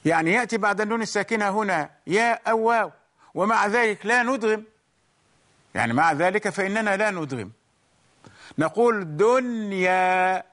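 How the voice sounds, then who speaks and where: Patient male recitation teacher: unhurried, pitched high, says everything twice. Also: a bit bright. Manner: slow, explains each point twice, once in English and once in Arabic. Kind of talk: bilingual tajweed lesson.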